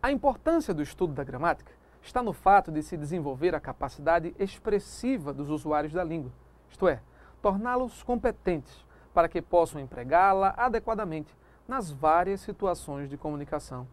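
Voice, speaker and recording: A male teacher giving a recorded grammar lecture, lively and emphatic, dragging out example words and adding chatty asides to the viewer. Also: fairly high pitch, moderate pace.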